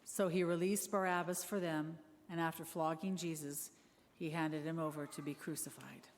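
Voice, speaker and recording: Lowish-voiced woman narrating scripture. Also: fairly even intonation, moderate pace, a little hiss or hum. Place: church service. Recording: echoey hall, long reverb.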